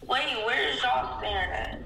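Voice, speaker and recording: A sleepy woman with a raspy voice talking slowly on a phone call, sounding drowsy. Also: on the high side, bright, forceful tone, reverberant, distant mic. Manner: drowsy and slow. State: sleepy, just woke up.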